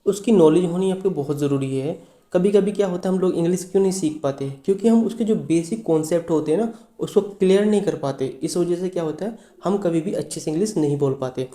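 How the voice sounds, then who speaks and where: A man's voice: high-pitched, fast talker, dark tone, roomy sound. A man teaching a language lesson, asking and answering his own questions and spelling words letter by letter. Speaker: English teacher.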